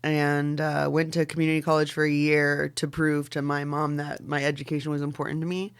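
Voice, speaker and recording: Smooth-voiced chatty woman from Oregon. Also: sits low, completely flat delivery, fairly quick. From Oregon, Pacific Northwest. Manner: loose and chatty, many "like"s and fillers, swears casually. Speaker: podcast guest, fashion designer. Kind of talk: casual chat.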